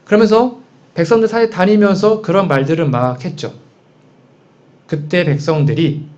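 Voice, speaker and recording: A man's voice: a little high, a little mellow. A man preaching a sermon in a conversational way, posing frequent rhetorical questions to the congregation. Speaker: pastor. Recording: dull, muffled sound.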